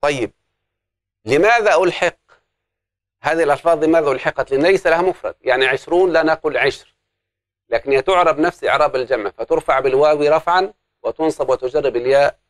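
A man's voice: fairly high pitch, quick pace, pauses often, no room sound, clean studio sound. A man teaching an Arabic grammar lesson, explaining step by step and putting questions to the class that he answers himself.

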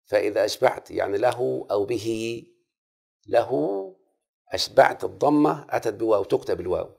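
A man's voice: on the low side, vocal fry, darkish tone, breathy edge. A man with an Egyptian accent teaching a classroom lesson on Arabic prosody, repeating the rules and checking that his students follow. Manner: repeats rules and checks understanding with frequent questions.

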